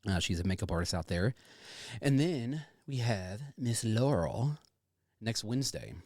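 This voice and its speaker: A man's voice: on the low side, expressive, unhurried, a little mellow, dry recording, studio quality. A man hosting a podcast in casual chat, rambling and playful, with some swearing. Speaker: podcast host.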